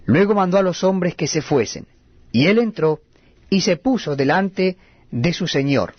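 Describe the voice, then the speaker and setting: A man reading scripture aloud at a steady, measured cadence. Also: high-pitched, breathy edge, no room sound, dull audio. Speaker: Bible reader.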